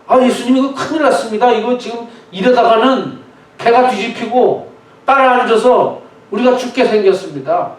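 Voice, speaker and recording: A pastor acting out frantic, pleading disciples. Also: male voice, moderate pace. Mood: panicked pleading. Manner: frantic, pleading, voice pushed high. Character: panicked disciples begging to be saved. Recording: echoey church hall, distant mic.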